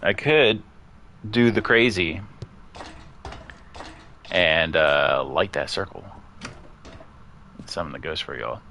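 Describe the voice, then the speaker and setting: A man giving casual let's-play commentary at home, chatty and quick to laugh, chatting about his cat as he plays. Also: sits low, pushed and bright, a little hiss or hum. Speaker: gaming streamer. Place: at home near a couch.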